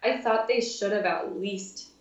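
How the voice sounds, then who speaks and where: A woman's voice: medium pitch, unhurried, dull audio. Chatty young woman, roomy distant sound. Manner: chatty, laughs often, filler-heavy. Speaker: guest, music therapy intern. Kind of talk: casual interview chat.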